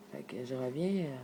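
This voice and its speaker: A woman's voice: rumbling low, noisy background. A woman with a Québécois accent speaking in a casual vlog monologue. She is emphatic, rambling and swears freely. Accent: Québécois French. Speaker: vlogger sharing her thoughts. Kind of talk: casual spoken monologue to camera.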